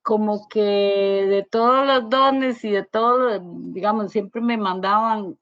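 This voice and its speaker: A woman's voice: medium pitch, fairly even intonation, slow pace, no echo. Woman, conversational testimony, rambling, lots of tag questions, dry dull lo-fi sound. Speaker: student sharing testimony in a church ministry class.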